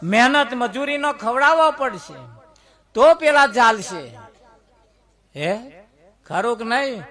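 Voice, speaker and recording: A male preacher delivers a folksy moral sermon full of stories. His voice sits very high and bright, with a forceful, tense edge. He keeps pressing the listeners with rhetorical questions. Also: lively intonation, slow. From Gujarat.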